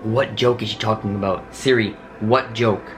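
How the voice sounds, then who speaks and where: A man's voice: fairly low pitch, fairly even intonation, moderate pace, a little hiss or hum. A young adult man talking urgently and dramatically to camera as a vlogger in a small home office, with exclamations and sighs. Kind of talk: dramatic paranormal challenge vlog. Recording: home room with music behind.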